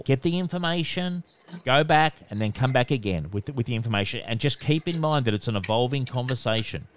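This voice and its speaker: A man with a nasal voice, a debt collection expert giving calm, instructive answers in a podcast interview. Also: fairly high pitch. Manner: calm, instructive, repeats "okay".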